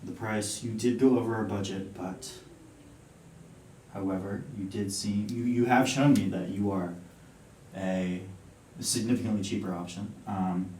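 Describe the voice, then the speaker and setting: A young man playing a prospective client in an improvised role-play conversation, speaking in a deliberate, playfully emphatic way. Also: steady tone, darkish tone. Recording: echoey room, distant mic, faint rumbling noise.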